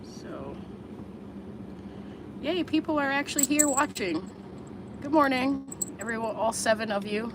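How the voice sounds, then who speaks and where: Heavy background noise surrounds this thirty-something woman from the Chicago area as she answers viewers live on a casual livestream. Her voice is a little high and expressive, unhurried and full of pauses. She's blunt and candid, swearing freely.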